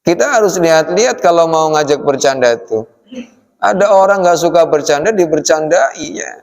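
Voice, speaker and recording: A man giving a relaxed study-circle sermon in a mosque, speaking with a tinge, often tagging his lines with "ya" and addressing the men as "Pak". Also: a little high, moderate pace, gravelly. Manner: folksy, addresses the audience as "Pak", frequent "ya" tags. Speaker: preacher. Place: mosque hall. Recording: long hall reverb from a mosque.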